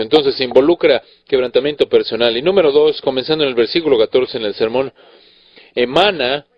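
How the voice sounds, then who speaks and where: A man's voice: medium pitch, no room sound. A man delivers a sermon to fellow pastors with earnest emphasis, driving his points home through pointed rhetorical questions. He often restarts a phrase to correct himself mid-thought. The recording sounds dry and slightly dull, with little room in it. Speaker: preacher.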